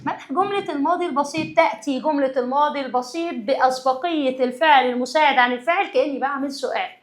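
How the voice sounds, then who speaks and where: A woman with an Egyptian Arabic accent teaching an exam review lesson. She explains lively and addresses students directly, mixing English terms into her explanation. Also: high voice, racing.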